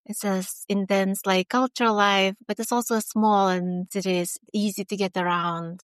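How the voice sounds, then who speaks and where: A woman in her forties from Lithuania with a Lithuanian accent, a guest talking earnestly in a casual interview, in quick bursts with restarts. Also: mid-range voice, fairly even intonation, clear, resonant tone, no room sound. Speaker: guest, HR consultant.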